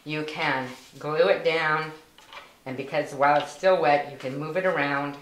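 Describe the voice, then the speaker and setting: A woman's voice: low voice, fairly even intonation, unhurried. A woman giving patient, step-by-step instructions for a card-making craft, with plain wording and small fillers. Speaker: volunteer instructor. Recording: echoey room with faint noise.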